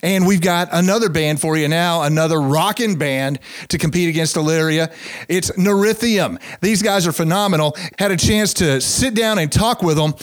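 A man hosts a televised band competition. His voice sits on the higher side, and his delivery is upbeat and chatty. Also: moderate pace. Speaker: TV show host. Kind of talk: broadcast host introduction and interview.

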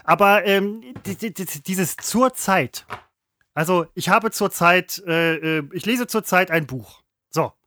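A man's voice: high-pitched, slow, sharp tone, a little hiss or hum. A man co-hosting a casual chat, pedantic and teasing, drawing out his examples. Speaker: podcast co-host.

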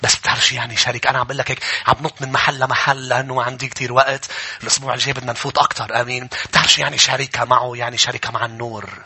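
A man with a Levantine Arabic accent preaching a sermon to a live congregation in a church. He moves from chatty asides to fervent shouting and calls on the congregation to answer him. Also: mid-range voice, flat delivery, very fast, slightly rough. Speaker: pastor.

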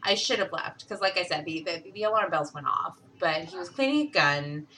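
A woman's voice: fairly low pitch, lively intonation, brisk, sharp tone, a little hiss or hum, low-quality recording. A young adult woman speaking candidly and bluntly in casual conversation, swearing freely as she tells her own story.

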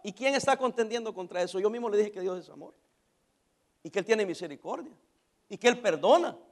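A man's voice: high-pitched, animated, a little fast. A male pastor preaching an emphatic sermon, asking the congregation questions and dropping in English phrases.

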